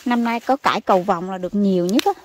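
A woman from Vietnam, chatting excitedly to her viewers as she picks vegetables in her home garden outdoors. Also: medium pitch, quick pace, a little hiss or hum. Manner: chatty and exclamatory, calls viewers family. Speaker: gardening vlogger. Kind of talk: casual chat to viewers while harvesting.

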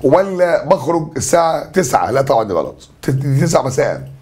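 Fast-talking Egyptian man teaching French. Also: a little high, lively intonation, darkish tone, husky. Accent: Egyptian Arabic. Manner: chatty, joking, brisk teacher explaining answers. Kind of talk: exam review lesson.

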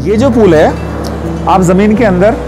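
A man in his forties makes a persuasive sales pitch at a trade stall. His voice sits high and carries easily. Clear music plays in the hall behind him. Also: moderate pace. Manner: confident, persuasive, gestures while explaining. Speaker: pool company representative. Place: large indoor exhibition hall.

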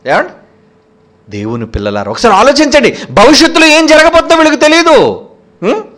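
A man's voice: fairly high pitch, a bit bright. A man preaching a sermon in a fiery, scolding manner, firing rhetorical questions at his listeners.

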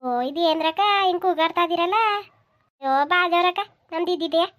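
A woman voicing a high-pitched scolding village housewife. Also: steady tone, quick pace. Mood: chatty. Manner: scolding, complaining sing-song. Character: nagging village housewife, busy and sharp-tongued. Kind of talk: comedy cartoon dubbing.

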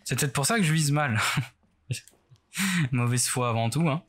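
A man's voice: mid-range voice, lively intonation, moderate pace. A man doing casual let's play commentary as a horror game streamer, rambling nervously and self-mockingly as he talks to himself. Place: bedroom at home, indoors.

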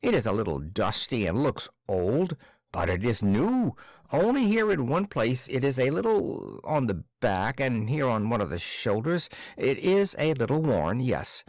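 A man voicing a timid, stammering older male clerk who speaks in halting, broken-off phrases and pleads. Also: mid-range voice, big pitch swings, a little mellow, no room sound, clean studio sound. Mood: pleading.

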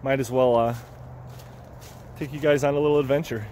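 A hiking vlogger walks a wooded lakeside trail, chatting easily to the camera or phone he holds and repeatedly restarting his phrases. His warm voice moves fairly quickly with fairly even intonation, and faint highway traffic can be heard behind him.

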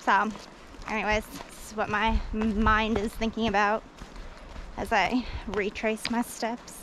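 A woman's voice: medium pitch, level tone, a little slow, noisy background. Rambling woman vlogging on a forest trail. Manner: rambling, self-deprecating, many fillers. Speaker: hiking vlogger. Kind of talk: casual vlog narration while hiking. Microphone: action camera.

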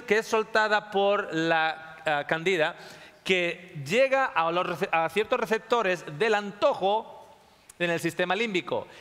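Male lecturer, high, sharp voice, keeps checking in with the audience; long hall reverb. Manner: checks in often with the audience, repeats phrases. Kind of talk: classroom talk to a live audience.

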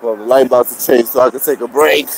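Sweaty and short of breath, this vlogger walks through a crowded city with his phone camera, chatting casually to his livestream audience, greeting viewers and pleading for shares. He talks fast in a steady, mid-range voice with vocal fry. Audio is poor, with street traffic and urban noise behind him.

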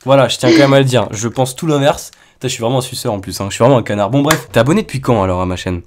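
A man hosting a casual call with his fans, excitable and teasing, joking and then taking it back, with sudden shouts. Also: medium pitch, racing, noisy background. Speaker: YouTuber host calling subscribers. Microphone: computer mic on a voice call.

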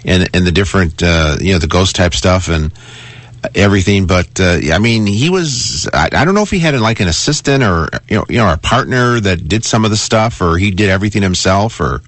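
A man with a fairly low voice talks casually as a radio host. He repeats and restarts phrases to drive points home, and the sound is close and dry, as in a studio. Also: expressive, brisk, fairly bright tone, no room sound. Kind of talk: casual talk radio monologue and caller chat. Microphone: close studio broadcast microphone.

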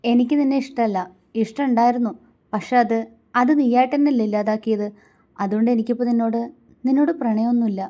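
A woman's voice: a little high, steady tone, quick pace, long pauses, dark tone, close to an everyday voice. Woman reading as a bitter young husband, scornful, snapping short questions, storybook romance. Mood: angry.

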